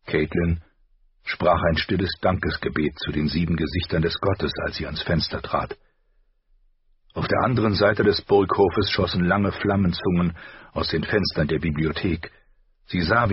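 Deep, husky male audiobook narrator. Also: no room sound. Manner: measured, even storytelling. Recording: slightly dull recording.

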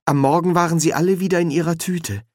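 Male narrator playing a jumpy, feisty young woman, pitched up. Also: fairly even intonation, quick pace, a little mellow, no echo, studio quality, natural voice. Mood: anxious. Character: anxious, spirited young actress.

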